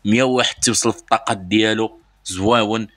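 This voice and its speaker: Fast-talking Moroccan man opening game packs. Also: on the low side, steady tone, fairly bright tone. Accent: Moroccan Arabic. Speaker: mobile football game channel host. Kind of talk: live pack-opening commentary.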